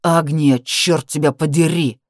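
A forceful young man, as a woman reads him drops low and drags out his words, angry and urgent. The audiobook voice is dry and close. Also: fairly even intonation, no echo. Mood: insistent. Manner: low, slow, insistent.

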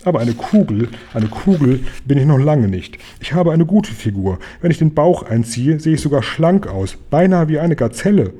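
A man's voice: on the high side, big pitch swings, normal speed, hardly any pauses, mellow. Man doing a plump, vain, fussy Egyptian man. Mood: indignant.

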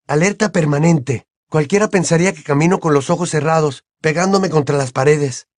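A man's voice: a little high, a little fast, dry recording, voice pushed up, close to an everyday voice. A man voicing a teenage boy wizard who talks in a dry, slightly exasperated way. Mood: wry. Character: teenage boy wizard, wry and a little defensive.

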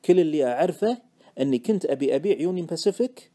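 A man narrating an audiobook in the first person with expressive storytelling. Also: on the high side, rapid-fire.

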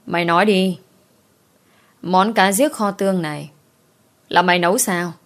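A woman voicing a domineering old mistress of a house, scolding in a sharp, contemptuous way. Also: lowish voice, measured pace.

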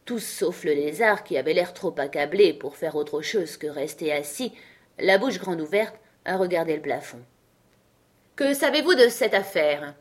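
A woman reading a classic storybook aloud in a calm, measured way. Her voice sits on the lower side for a woman, even and unhurried. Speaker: audiobook narrator. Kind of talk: storybook narration.

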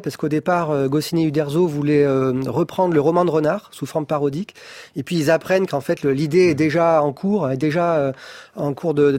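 A male expert guest on a radio programme, with a fairly high voice in a dry studio sound. He explains analytically, pausing to find words. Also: darkish tone, dry recording. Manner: hesitant, analytical, stresses key words. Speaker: interview guest, expert on comics.

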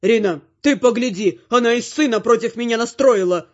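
A man's voice: very high voice, moderate pace, voice pushed up. A male reader voicing a grumbling, indignant middle-aged father, on a dull lo-fi recording.

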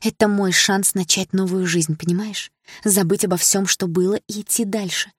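Woman doing a gentle mom voice, soft and pleading, dry close sound. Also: mid-range voice, fairly even intonation, moderate pace, slightly rough, dry recording, lightly acted. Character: worried mother, gentle and defensive.

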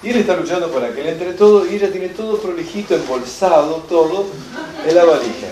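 Animated Rioplatense man lecturing, echoey room. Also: a little high, brisk, a little hiss or hum. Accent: Rioplatense Spanish. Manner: animated storyteller, acts out shouted quotes. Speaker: enneagram teacher. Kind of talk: lively seminar lecture.

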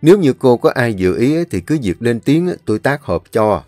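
A man's voice: mid-range voice, sing-song, fairly quick, mellow, no room sound, soft background music, lightly acted. A man voicing a stern, protective elderly village landlord with a firm, commanding manner. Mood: explaining.

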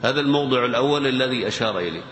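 A man teaching a grammar lesson in a slow, deliberate way, repeating key words and examples for his students. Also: mid-range voice, lively intonation, a bit bright. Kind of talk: formal classroom lecture. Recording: echoey hall with faint noise.

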